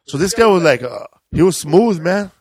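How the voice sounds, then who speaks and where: A man's voice: high-pitched, animated, moderate pace, husky. A middle-aged man, a comedian and host, telling stories in a casual, rambling and profane way. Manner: profane, rambling, laid-back delivery. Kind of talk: casual storytelling chat.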